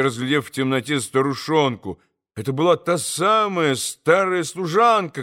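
A male audiobook narrator with a fairly high voice reads a classic novel. His storytelling is measured and expressive, steady through the long sentences.

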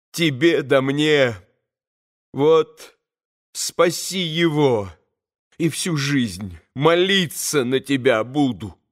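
A man voicing a bitter young woman who speaks in a slow, venomous, drawn-out way in an audiobook. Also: medium pitch, lightly acted. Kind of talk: audiobook character reading.

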